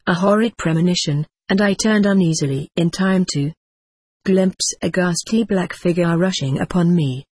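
A man's voice: high voice, normal speed, a little mellow, husky, dry recording. A man reading a first-person adventure story aloud with dramatic expression. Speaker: audiobook narrator.

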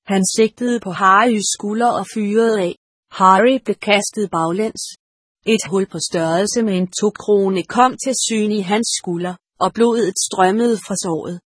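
A woman's voice: mid-range voice, steady tone, breathy edge, no echo, studio quality. A woman narrating a story aloud, reading the dialogue with only slight voice changes. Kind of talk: audiobook narration.

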